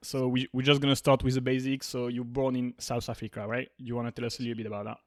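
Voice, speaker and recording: A man's voice: mid-range voice, level tone, fast talker, no room sound, clean studio sound. A man co-hosting a podcast, asking questions in a casual, hesitant way with many fillers. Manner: hesitant, many ums and uhs. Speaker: podcast co-host. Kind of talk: casual interview conversation.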